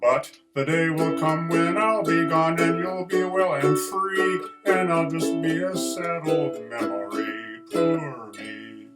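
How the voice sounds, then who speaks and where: A woman's voice: sits low, slow, hardly any pauses. A woman performing a cute, self-pitying virus in a plaintive, cutesy sing-song comic musical style, recorded at a distance. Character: cute self-pitying virus germ lamenting being disliked. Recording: distant mic under loud music.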